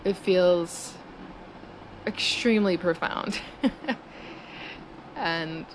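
A woman in her thirties hosting a casual solo podcast, chatty and giggling nervously, recorded in low-quality audio in a small studio on a busy street. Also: extremely slow. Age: 30s. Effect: low-quality audio with street noise. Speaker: podcast host. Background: traffic and air-conditioner hum.

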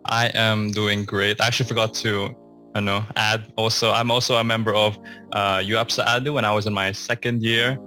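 Bright-voiced young man co-hosting a podcast. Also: lowish voice, little pitch movement, brisk, soft background music. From Hong Kong. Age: young adult. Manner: chatty, laughs often, mixes in Filipino words. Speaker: podcast co-host. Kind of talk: casual podcast chat.

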